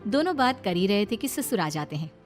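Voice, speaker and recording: A woman's voice: medium pitch, very animated, brisk, faint music behind. A woman reading scripted, dramatic narration for a moral story.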